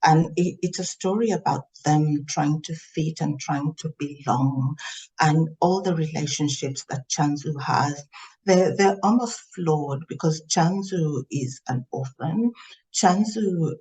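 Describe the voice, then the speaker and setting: A woman's voice: low-pitched, takes it slowly, darkish tone, poor audio. Thoughtful woman from Tanzania, reflective. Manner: reflective, thoughtful, with frequent fillers. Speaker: author guest. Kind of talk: podcast interview.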